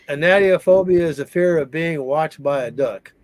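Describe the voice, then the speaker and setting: A man's voice: fairly high pitch, measured pace, no room sound. A man co-hosting a casual live-stream chat, reading trivia aloud and adding dry jokes. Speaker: live chat co-host reading fun facts.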